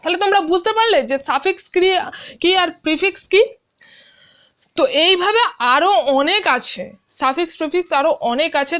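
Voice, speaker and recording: A woman with a high voice teaches a school English lesson, explaining step by step. She poses questions to her students and answers them herself at a patient pace. The sound is dull and lo-fi. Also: a bit bright.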